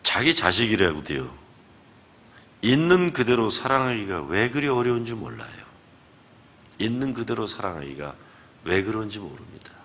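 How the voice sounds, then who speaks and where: Animated man preaching a revival sermon. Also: fairly low pitch, normal speed. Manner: animated storytelling, acting out conversations. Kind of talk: revival sermon with retold dialogue. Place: church sanctuary.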